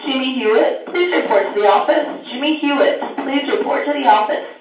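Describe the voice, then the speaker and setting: A man making a repeated paging call over a school intercom, heard from a distant loudspeaker. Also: very high-pitched, fairly quick, faint music behind. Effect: school intercom announcement over a loudspeaker. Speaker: school office announcer. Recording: distant echoey muffled loudspeaker.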